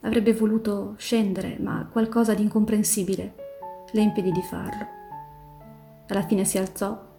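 A woman reading a novel aloud in a steady, measured way, slowing down on the tense passages. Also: medium pitch, vocal fry, music in the background. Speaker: volunteer reader in a reading marathon. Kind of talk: literary read-aloud narration.

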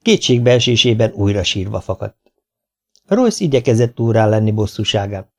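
A man reading a novel aloud as audiobook narrator, measured and even. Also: on the low side. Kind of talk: scripted narration.

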